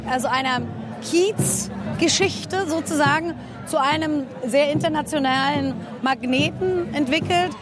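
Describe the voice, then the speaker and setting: A woman interviewed outdoors at a street parade, talking quickly while thinking aloud. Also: high-pitched. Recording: outdoor interview with music and crowd.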